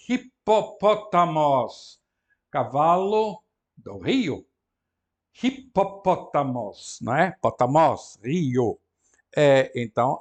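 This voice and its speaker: Gravelly man with a European Portuguese accent. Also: mid-range voice. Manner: explanatory, often ends sentences with "não é?"; spells out words slowly and repeats them. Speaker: Greek teacher. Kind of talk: classroom lecture.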